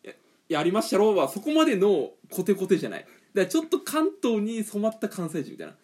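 A man from Japan's Kanto region co-hosts a casual chat podcast, speaking fast in a high-pitched voice. He tells a story with lots of energy as an animated, ranting storyteller who acts out customers.

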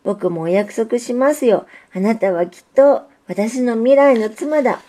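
A woman's voice: on the high side, unhurried, dark tone, voice pushed up. A woman voicing an earnest, lovesick young male railway signal in a storybook reading, pleading and eager. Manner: pleading, eager, repeats himself.

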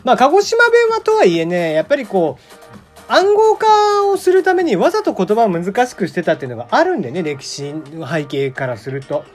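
With soft background music underneath, a high-voiced man from Kagoshima, Japan, in his forties, hosts a solo podcast at a moderate pace, his pitch swooping wildly. He rambles chattily in radio-style monologue, using many fillers and little chuckles.

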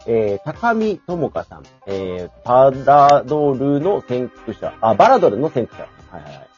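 A man's voice: mid-range voice, big pitch swings, moderate pace, a little mellow. A man in his twenties co-hosting a casual podcast, chatty and laughing often, reading a news ranking with many fillers. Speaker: podcast co-host. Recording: dull lo-fi online audio with faint music.

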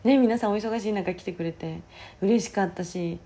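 A woman with a hoarse, raspy voice talking casually on her own as a podcast host. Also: medium pitch, normal speed, mellow. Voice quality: husky, raspy. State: hoarse voice, worn out from the day before. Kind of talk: casual solo chat.

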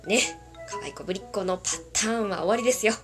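A woman's voice: medium pitch, racing. A woman hosting a casual podcast, reading out listener requests in a playful, self-conscious way and laughing often. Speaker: podcast host. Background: faint background music.

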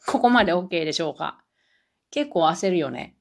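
A woman's voice: lowish voice, lively intonation, brisk, gravelly. A woman with a Kansai Japanese accent hosting a solo podcast lesson, drilling numbers in Japanese and then English and chatting in a self-deprecating way. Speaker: podcast host teaching English.

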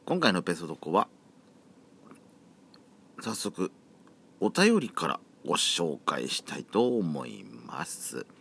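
Solo podcast host, man, Yamagata accent, lowish voice with a lively, swooping delivery and campy chatter. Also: takes it slowly, gravelly, long pauses, husky. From Yamagata, Japan. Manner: chatty, campy feminine phrasing. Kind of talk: solo casual chat.

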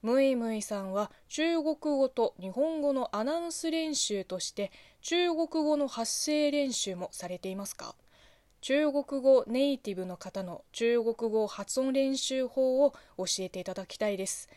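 A Chinese woman hosts a solo radio talk show in Japanese with a Chinese accent, reading listener letters aloud and answering them in a chatty, animated way full of fillers. Her voice is high and unhurried, with no echo.

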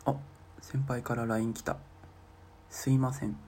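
A young man in his twenties doing a comic solo podcast, deadpan and self-mocking, murmuring his inner thoughts. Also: mid-range voice, a little slow, a little hiss or hum. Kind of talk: comic monologue.

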